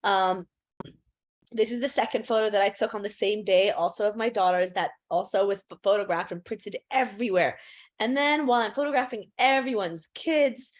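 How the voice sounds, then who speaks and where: A woman in her thirties, a photographer giving a class in a chatty, self-deprecating way, with many fillers and restarts. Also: mid-range voice. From United States and United Kingdom. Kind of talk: casual presentation talk.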